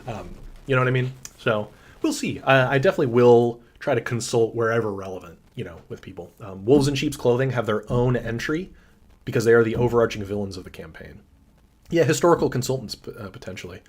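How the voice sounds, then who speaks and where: A man who designs tabletop games, chatting casually through a livestream Q&A with frequent ums and a relaxed, rambling manner. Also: medium pitch, fast, breathy edge. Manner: enthusiastic about his characters.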